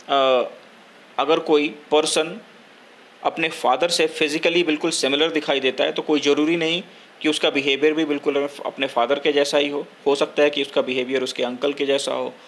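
A young man, explaining a story line by line in a lesson, pausing often with fillers. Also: a little high, fairly bright tone. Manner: slow, hesitant explaining with frequent filler pauses. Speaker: teacher.

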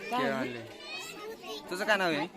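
A man's voice: high voice, animated, normal speed. A man vlogging as he walks through an outdoor village market, asking short, friendly questions and repeating the answers back. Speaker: vlogger touring a school children's market. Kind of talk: casual walk-around interviewing. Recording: busy outdoor crowd noise. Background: crowd of children.

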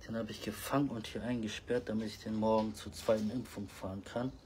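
Low-voiced man chatting with his cats. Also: fairly even intonation, a little fast, a little mellow, slight background noise. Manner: fond, chatty, talks baby-talk to kittens and scolds them. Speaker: cat rescuer filming his balcony cats. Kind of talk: casual vlog talk to viewers and cats. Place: balcony outdoors.

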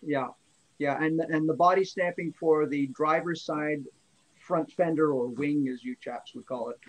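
A man on a video call telling lively anecdotes in casual chat. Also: fairly high pitch, a little slow, low-quality recording. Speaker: panel member.

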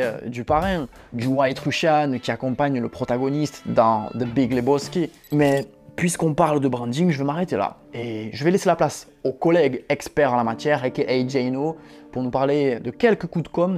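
Brief: male host from Toulouse, teasing and jokey, mid pitch, faint music behind. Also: darkish tone. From Toulouse, France. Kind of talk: playful documentary narration.

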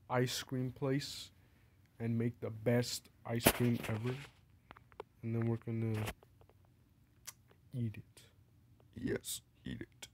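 Rambling young guy narrating a game, sick. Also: mid-range voice. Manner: rambling, playful, self-mocking. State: sick, coughing. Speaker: gaming vlogger. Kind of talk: casual game commentary. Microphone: phone screen recording.

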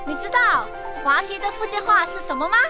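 Young woman as Dora, very high Malaysian girl explorer. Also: expressive, brisk. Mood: cheerful, instructive. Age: young adult. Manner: exaggerated, instructive, addresses the audience. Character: peppy little girl explorer teaching young viewers. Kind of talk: children's show parody. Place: outdoors on streets and in a park. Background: loud music.

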